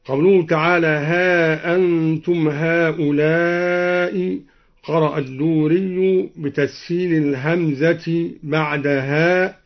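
A man teaching Quran recitation, explaining each reading plainly and then chanting the verse slowly and melodically. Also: fairly high pitch, steady tone. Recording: dull lo-fi recording.

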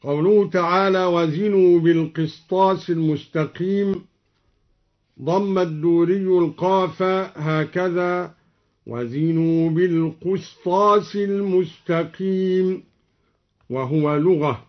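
A man teaching Quran recitation, explaining each reading in measured speech and then chanting the verse slowly. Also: fairly high pitch, fairly even intonation. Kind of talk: recitation lesson. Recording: dull lo-fi recording.

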